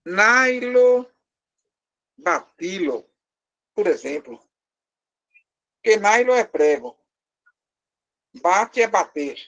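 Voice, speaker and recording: High-pitched, fairly bright, and very animated, this man speaks slowly with frequent pauses, and the highs are cut off. A language teacher with a Brazilian Portuguese accent, he teaches a live class step by step, quizzes his students, and jokes with them in a lightly teasing manner.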